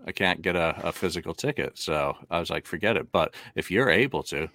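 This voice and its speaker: A man's voice: low-pitched, expressive, a little fast, bright, forceful tone. A man on a podcast panel, chatting casually and opinionatedly, rambling with enthusiasm. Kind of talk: casual chat.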